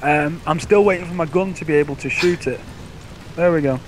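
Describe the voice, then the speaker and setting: Gamer with a raised pitch, giving orders. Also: male voice, a little fast, a little hiss or hum. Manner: dry, bossy callouts. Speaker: gunner in online game. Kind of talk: casual gaming chatter.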